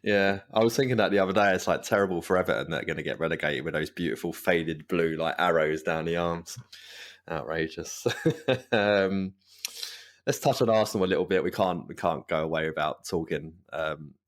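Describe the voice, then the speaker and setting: A man's voice: sits low, fairly quick. A man co-hosting a football fan podcast in casual chat, rambling through asides and laughing often. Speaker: podcast co-host.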